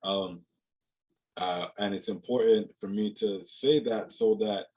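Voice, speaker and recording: A young Jamaican man joins a video call from a room at home as a guest, a mental health speaker in a casual interview. He talks reflectively with many fillers and repeated words, his low-leaning, steady, slightly mellow voice moving slowly, in a low-quality recording.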